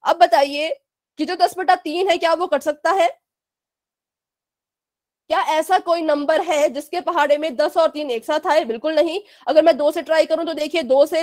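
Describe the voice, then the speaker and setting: A woman's voice: sits high, darkish tone. A woman teaching fractions in a live online class for children, explaining patiently, repeating checks, and giving firm warnings about chat behavior.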